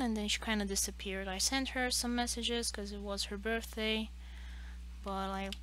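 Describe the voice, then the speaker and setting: A woman's voice: medium pitch, pushed and bright, a little hiss or hum. A woman in her late twenties chatting casually on a livestream, hesitant and rambling as she talks. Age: late 20s. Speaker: streamer and artist.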